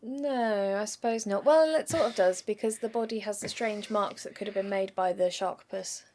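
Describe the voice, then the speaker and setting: A young woman co-hosting a podcast, chatting casually in a wry, deadpan, teasing way. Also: medium pitch, normal speed. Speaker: podcast co-host. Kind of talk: casual chat.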